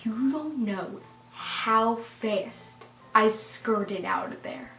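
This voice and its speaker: A woman vlogger chats through a story in a casual, animated way, scattering "like" through her sentences and surging louder at the exciting moments. Her voice sits fairly high. The room rings with echo, and faint music plays underneath. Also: drawn-out words. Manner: animated, full of "like" fillers, surging loud when excited.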